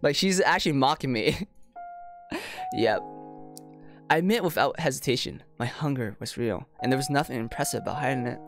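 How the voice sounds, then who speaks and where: A streamer with an animated mid-range voice gives casual commentary on a visual novel, speaking at a moderate pace with frequent pauses. He reads it aloud and reacts informally with amused disbelief while music plays behind him.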